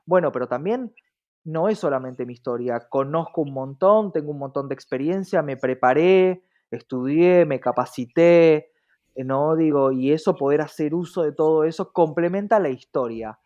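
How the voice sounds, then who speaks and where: Reflecting at a moderate pace, an Argentine man guesting on a podcast about his diversity work often checks in with short tag questions. His voice sits on the high side with a darkish tone, captured on a dull lo-fi recording.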